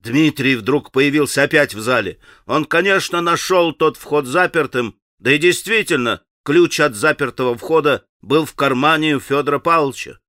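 Bright-voiced man narrating a classic novel. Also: fairly high pitch, moderate pace, hardly any pauses, no room sound, clean studio sound. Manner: dramatic, expressive reading. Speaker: audiobook narrator. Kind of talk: scripted literary narration.

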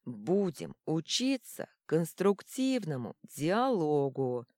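A woman voicing a giant brawny male troll who talks slowly and bluntly, in an audiobook. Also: low-pitched, dark tone, no room sound, studio quality, natural voice. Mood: stern. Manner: slow, blunt and deliberate.

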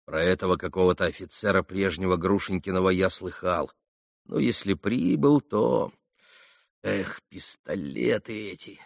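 A sensible young official, played by a male audiobook reader, muttering his irritated thoughts in a low, quiet voice. The recording is dry and close, with no room sound. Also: moderate pace, creaky, dry recording. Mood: grumbling. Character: sober, sensible young official, grumbling to himself.

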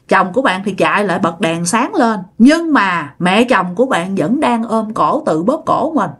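A woman telling a ghost story in a chatty way, talking straight to her listeners. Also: mid-range voice. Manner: chatty, addresses the listener directly. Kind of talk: casual ghost-story narration.

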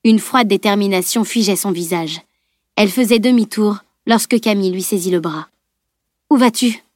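A woman narrating a fantasy novel aloud in steady, measured storytelling. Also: mid-range voice, no room sound, clean studio sound. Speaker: audiobook narrator. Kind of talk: scripted audiobook narration.

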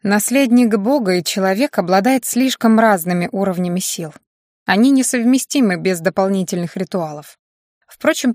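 A woman voicing a proud, sharp-tongued young female student with a snippy, mocking manner. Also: mid-range voice, no room sound, studio quality, lightly acted.

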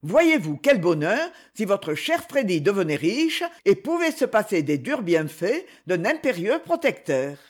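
A man's voice: high voice, big pitch swings, a little slow, hardly any pauses, heavily acted. A narrator voicing a sarcastic, threatening male secretary with a cold, mocking manner. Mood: cold menace.

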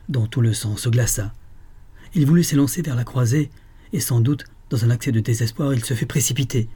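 Husky, mellow male storyteller. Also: medium pitch. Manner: measured, dramatic storytelling. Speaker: audiobook narrator. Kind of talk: scripted literary narration.

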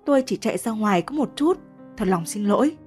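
A woman reading the lines of an apologetic man looking after a sick boy, in a soft, regretful way. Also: medium pitch, animated, a little fast, soft background music, lightly acted. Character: apologetic middle-aged man, caretaker.

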